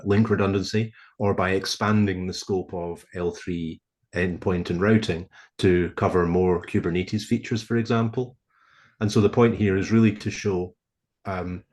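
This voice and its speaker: A man on a video call presenting a technical proposal to a committee, speaking in a measured, hesitant way with frequent ums and restarts. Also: sits low, a little mellow. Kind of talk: presenting a proposal over shared slides. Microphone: computer mic on a video call.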